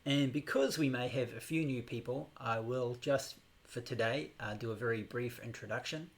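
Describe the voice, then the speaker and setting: Middle-aged New man, gravelly voice, meditation teacher opening a live-streamed class, unhurried and hesitant. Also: mid-range voice. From New Zealand. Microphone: new microphone on a laptop setup.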